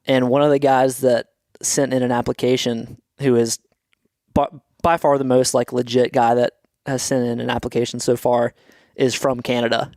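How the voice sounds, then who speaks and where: A man's voice: mid-range voice, level tone, normal speed, a little mellow, no echo. Easygoing man, dry close sound. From Atlanta, USA. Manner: easygoing, rambling with fillers. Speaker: podcast co-host. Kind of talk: casual chat.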